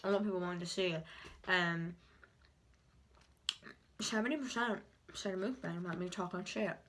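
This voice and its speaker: A young woman chats casually and haltingly to the camera in a rambling, informal way, chewing as she talks. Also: lowish voice, fairly bright tone, a little hiss or hum. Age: young adult. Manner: chewing while talking. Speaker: YouTuber vlogger. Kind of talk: casual chat to camera during a mukbang.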